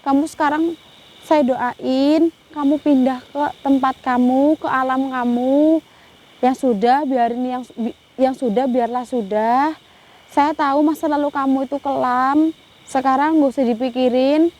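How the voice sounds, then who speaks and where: A young woman on a ghost-hunting vlog, talking softly and with pity to an unseen spirit and often breaking into Islamic exclamations. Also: high-pitched, fairly even intonation, measured pace. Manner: hushed and pitying, with frequent Islamic exclamations.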